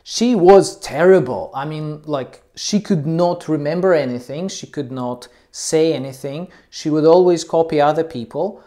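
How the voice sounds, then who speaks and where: A man who teaches English as a non-native speaker talks casually to camera about teaching, loosely and with many ums and uhs. His fairly high voice is warm, at a measured pace with few pauses.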